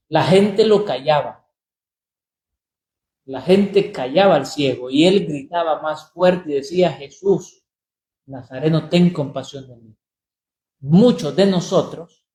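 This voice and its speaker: A priest giving a sermon, speaking deliberately, repeating phrases and slowing down on key words for emphasis. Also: male voice, on the high side, darkish tone. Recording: roomy echo.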